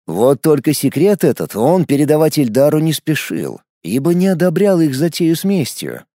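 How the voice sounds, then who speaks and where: Lively, mellow-voiced male audiobook narrator. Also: on the high side, normal speed, dry recording, clean studio sound. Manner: lively storytelling with acted dialogue. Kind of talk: scripted narration.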